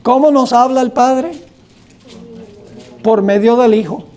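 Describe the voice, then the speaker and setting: Slow, deliberate male preacher. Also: very high-pitched, mellow. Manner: slow and deliberate, quizzing the congregation; reads scripture aloud with emphasis. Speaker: pastor. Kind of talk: Bible study sermon.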